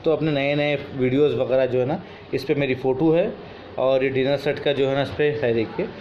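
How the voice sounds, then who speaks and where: A man's voice: medium pitch, steady tone, normal speed. A man giving an informal, repetitive product demonstration as a shopkeeper, recorded on a phone in a small room. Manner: repetitive, instructive sales patter. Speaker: shopkeeper and seller of household goods. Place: small indoor shop room with shelves of crockery. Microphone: phone camera a short distance away. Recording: muffled, noisy, echoey phone video.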